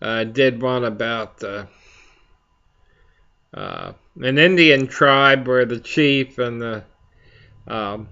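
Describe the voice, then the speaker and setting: A man hosting a casual, rambling chat for viewers, speaking haltingly as he searches for his words. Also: medium pitch, a bit bright, smooth, highs cut off. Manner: halting, slow to find words. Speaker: pipe hobby video host.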